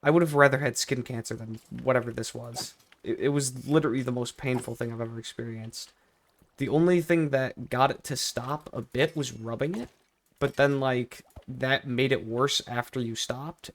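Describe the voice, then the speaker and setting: Young guy doing a casual vlog story, rambles a lot, repeats stuff, super emphatic complaining, average pitched voice. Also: moderate pace. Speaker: video creator.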